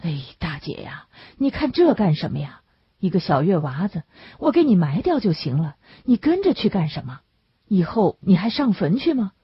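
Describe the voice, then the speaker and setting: A woman's voice: fairly low pitch, very animated, moderate pace, slightly rough, no room sound, full character voice. A woman reader voicing a poor working man who speaks plainly and colloquially, muttering some asides. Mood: coaxing. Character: poor laborer man, blunt then kindly. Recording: dull lo-fi dry recording.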